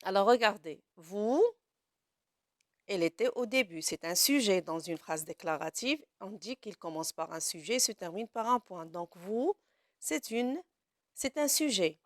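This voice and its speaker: A woman's voice: medium pitch, expressive, measured pace, dry recording, clean studio sound. A woman teaching a grammar lesson to her pupils, asking questions and then answering them herself.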